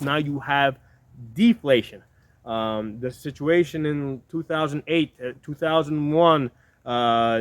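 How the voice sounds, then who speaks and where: Around fifty and a little high-voiced, a man hosting videos speaks to his viewers on camera with a fairly bright tone. His talk is casual, blunt, and rambling, full of restarted words and repeated "right?" questions.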